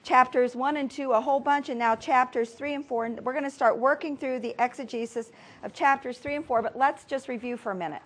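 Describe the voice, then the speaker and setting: A woman with a high, steady, brisk voice teaches a Bible study class. She quizzes her students through the lesson and laughs easily.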